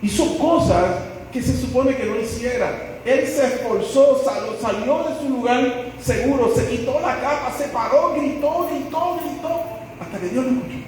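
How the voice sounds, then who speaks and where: Pastor, dramatic sermon storyteller, high voice, picked up from far off in a church. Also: male voice, moderate pace, few pauses, slight background noise. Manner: dramatic storytelling, acting out the people in the stories. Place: church sanctuary. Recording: echoey church hall, voice from far off.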